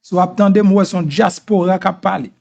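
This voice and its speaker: High-voiced Haitian Creole-accented man. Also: moderate pace, creaky, darkish tone, highs cut off. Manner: repetitive, insistent advice-giving. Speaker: host. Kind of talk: casual commentary monologue.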